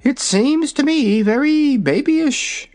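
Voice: high-pitched, expressive, slow, darkish tone, faint music behind, pitched above the performer's own voice. A storybook reader voicing a proud, hungry young dragonette in a lofty, matter-of-fact manner. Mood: haughty.

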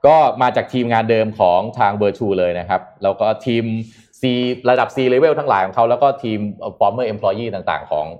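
A man's voice: lowish voice, normal speed, few pauses, darkish tone. A man co-hosting a casual talk show, explaining tech news patiently and filling his speech with polite particles. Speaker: co-host. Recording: slightly dull lo-fi sound.

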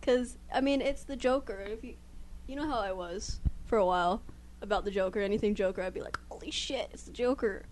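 A woman's voice: medium pitch, fairly even intonation, brisk, darkish tone, slight background noise. A woman in casual chat, teasing and laughing often.

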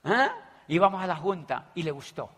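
A man with a Colombian accent giving an animated motivational talk, telling stories and acting out the dialogue. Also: high-pitched, normal speed. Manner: animated, tells stories acting out dialogue, keeps asking "do you understand me". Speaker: business motivational speaker. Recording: echoey hall reverb.

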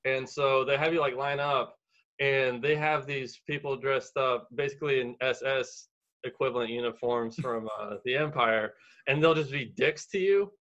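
A man's voice: medium pitch, normal speed, a bit bright. A man telling a story in casual chat with friends. He swears freely and laughs as he talks. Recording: dull lo-fi sound.

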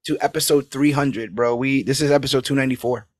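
A man with a mid-range, darkish voice talks fast and keeps his intonation fairly even. He's a podcast host rambling casually through an upbeat outro, packed with plugs, hype and appeals for listeners to support the show.

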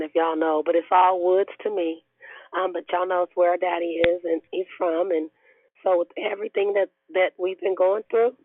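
Hoarse, raspy woman on a phone line. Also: fairly low pitch, no echo. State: hoarse, unwell. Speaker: prayer call speaker. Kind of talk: devotional talk and prayer on a group call. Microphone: phone call. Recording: tinny narrow phone line.

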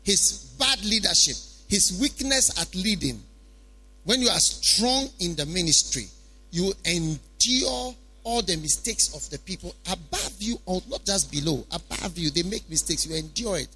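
A man's voice: high-pitched, animated, a little slow, sharp tone, husky, soft background music, low-quality recording. A man with a Ghanaian accent preaching a sermon in an emphatic, repetitive way, full of rhetorical questions.

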